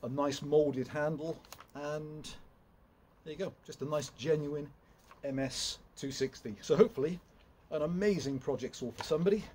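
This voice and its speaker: A man's voice: on the high side, normal speed, mellow, husky. A young man in a casual, rambling walkthrough, full of fillers and restarts, recorded in an open woodshed by a camera some way off. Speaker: chainsaw vlogger. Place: open woodshed with log piles.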